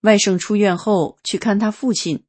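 Husky woman reading a personal testimony. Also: mid-range voice, steady tone, moderate pace, a little mellow. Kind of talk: read-aloud first-person testimony.

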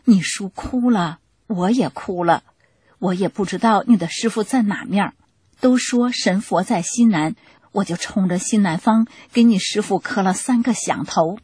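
A grateful old village aunt speaking through tears, halting and repeating herself, as a woman reads her lines. The voice is husky and breathy, set close and dry with no room sound. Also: mid-range voice, a little mellow, no echo. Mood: tearful, joyful. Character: tearful elderly village woman, grateful and overjoyed.

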